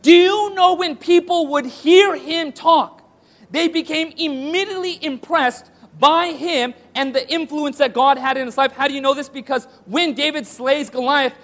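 A man's voice: extremely high pitch, moderate pace, a bit bright. A man preaching a sermon to a congregation, asking rhetorical questions and calling for responses. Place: church hall with audience.

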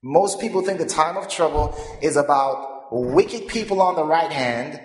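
A man delivering a sermon in a deliberate, rhetorical manner, as a preacher addressing a congregation. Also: on the high side, expressive. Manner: deliberate, rhetorical, pausing for audience to fill in words. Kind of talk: sermon with scripture readings and questions to the congregation. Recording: echoey hall, long reverb, music behind.

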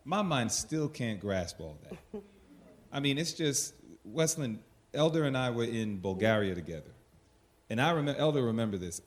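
A man's voice: medium pitch, normal speed. New guy telling ministry stories, voice jumps all over, acts out his old lines. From New York, USA. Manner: animated storyteller, acts out his own past words. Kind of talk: testimony in a ministry talk.

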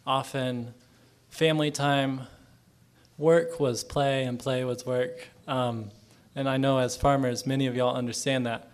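A man's voice: mid-range voice, flat delivery, measured pace. Young man, 20s, from Oklahoma; sincere and reflective, a bit hesitant. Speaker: panelist, young farmer. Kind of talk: personal panel answer.

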